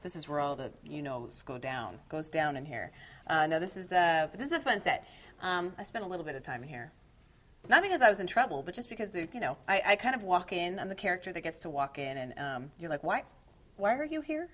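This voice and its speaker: A woman's voice: sits low, expressive, fast, a bit bright. A woman in her thirties, an actress, chatting casually and giggling as she gives a tour backstage at a television studio. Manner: chatty and giggly, with playful asides. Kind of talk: casual guided tour chat. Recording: slightly dull web video audio.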